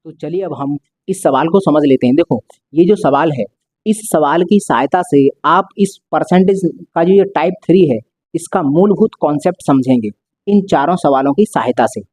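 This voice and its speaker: A man's voice: fairly high pitch, normal speed, darkish tone. A male maths teacher explaining a lesson step by step, repeating and stretching out key words.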